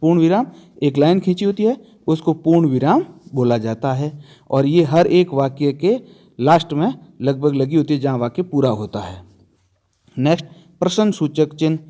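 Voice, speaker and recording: A man's voice: on the high side, expressive, moderate pace, warm tone. A man teaching a grammar lesson for an exam, asking his students questions and answering them himself, stressing and repeating the key terms.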